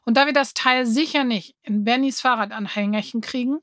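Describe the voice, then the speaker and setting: Woman reading as a cocky boy ringleader, loud, brash, dry close sound. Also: fairly high pitch, a little fast, no room sound, close to an everyday voice. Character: swaggering boy gang leader. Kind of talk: audiobook reading.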